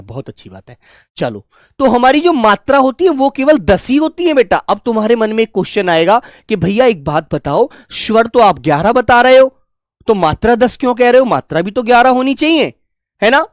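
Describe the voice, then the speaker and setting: Male coaching teacher, affectionate and lively in pitch, repeats drills, dry booth-like recording. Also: no echo. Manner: affectionate, calls listeners "my dear children"; repeats and drills sounds aloud. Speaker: Hindi teacher. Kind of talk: exam coaching lesson.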